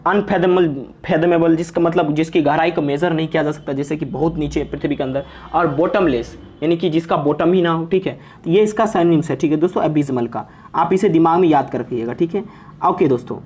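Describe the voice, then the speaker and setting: A man's voice: a little high, brisk, darkish tone, slight background noise. Chatty man teaching English vocabulary. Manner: chatty, repeats "okay" constantly, jokes and teases. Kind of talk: casual online lesson.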